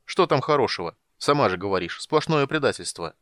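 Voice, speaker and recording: A man's voice: medium pitch, lively intonation, brisk, fairly bright tone, dry recording, clean studio sound, pitched above the performer's own voice, lightly acted. A man reading an audiobook, voicing an irritable, dismissive reclusive mage in a drawling, grumbling manner. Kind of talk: audiobook character voice.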